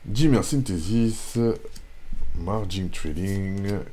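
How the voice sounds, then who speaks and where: A lower-pitched French man hosts a casual pack-opening video. He rattles off card names in a plain, steady list, then breaks into quick, excited exclamations over the rare finds. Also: a little hiss or hum. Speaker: YouTuber opening card packs.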